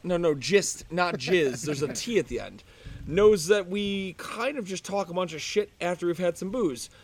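A man's voice: high-pitched, lively intonation, normal speed. A man hosting a casual podcast outdoors, joking and swearing through crude banter with friends. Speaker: podcast host. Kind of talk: casual chat.

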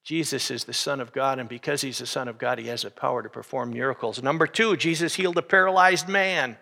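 A man's voice: mid-range voice, fast, vocal fry, pushed and bright, in a large hall. A man preaching a sermon as pastor, teaching steadily and then rising to emphatic preaching.

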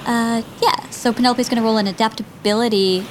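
A woman's voice: fairly high pitch, fairly even intonation, a little fast, a little hiss or hum, low-quality recording. A woman chatting casually as a player in a tabletop role-playing game, hesitant and tentative. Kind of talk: casual role-play chat.

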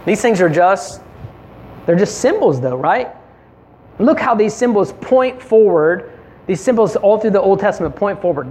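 A preacher giving a conversational sermon, retelling scripture by acting out the quoted voices, repeating words for emphasis and often adding a quick tag question. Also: mid-range voice, a little mellow.

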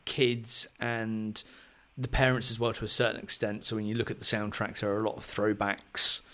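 Low-ish guy host, easygoing music chat, lots of ums. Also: normal speed. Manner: relaxed, thoughtful, many ums. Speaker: podcast host.

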